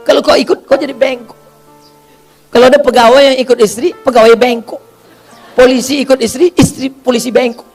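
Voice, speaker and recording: A man's voice: extremely high pitch, fairly even intonation, brisk, faint music behind. A man preaching a humorous sermon, full of rhetorical questions and rhythmic repetition.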